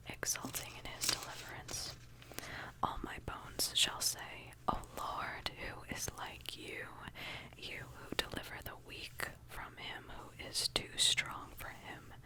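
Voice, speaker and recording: Slow whispering woman, ASMR scripture reading. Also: low-quality recording. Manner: whispering throughout, unvoiced. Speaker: ASMR reader.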